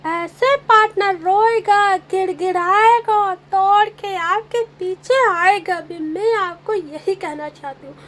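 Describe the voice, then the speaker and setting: Brief: woman relationship coach, very high voice, slow and emphatic advice talk. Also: fairly bright tone, slight background noise. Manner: emphatic, repetitive, coaxing.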